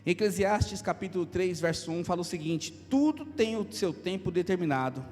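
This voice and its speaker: A Brazilian man in his thirties, a pastor preaching a lively sermon with jokes and acted asides. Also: high voice, normal speed. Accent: Brazilian Portuguese. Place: church hall. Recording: long hall reverb, faint music.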